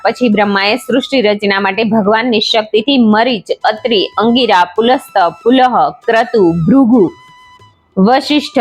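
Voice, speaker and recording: A woman narrating a devotional scripture in a measured, steady recitation. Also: a little high.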